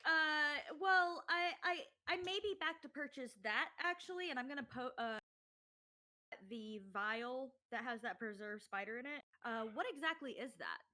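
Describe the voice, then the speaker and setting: A woman's voice: high-pitched, animated, normal speed, sharp tone. A woman playing a tabletop role-playing game, speaking casually and rather hesitantly in character and out. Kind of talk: casual role-play chat.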